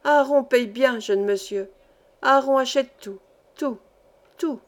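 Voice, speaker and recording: Reading a story, a woman takes on a greedy old peddler, pitching her voice a little high in a slow, insistent sing-song. He wheedles and fawns, coaxing without letup.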